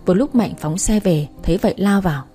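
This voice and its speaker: A woman narrating a story aloud at a measured pace and speaking to her listeners as the channel's narrator. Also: mid-range voice, dark tone, faint music behind.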